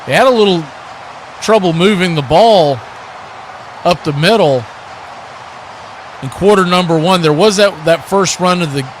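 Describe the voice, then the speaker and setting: A high-pitched man speaks unhurriedly, leaving long pauses, with slight background noise. He provides live radio-style American football play-by-play as a commentator and watch party host, using short punchy phrases and vivid action verbs.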